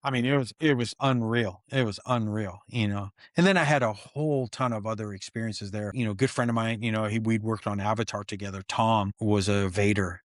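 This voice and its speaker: Excited stuntman telling set stories. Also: lowish voice, a little fast, hardly any pauses, no echo, studio quality. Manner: excited, acts out quoted dialogue. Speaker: stuntman guest. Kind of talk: animated storytelling interview.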